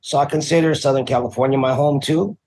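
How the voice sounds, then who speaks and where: A man's voice: mid-range voice, fairly even intonation, quick pace, darkish tone. A man from Hawaii, a custom painter and tattoo artist, telling his story as a guest in a casual interview. He talks in a laid-back, slangy way, with lots of fillers as he drifts from one point to the next.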